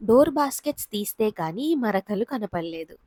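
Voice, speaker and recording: Woman, 30s, home vlogger; calm how-to voice-over, dry close sound. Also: medium pitch, brisk, no room sound. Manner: calm, explanatory. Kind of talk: instructional voice-over.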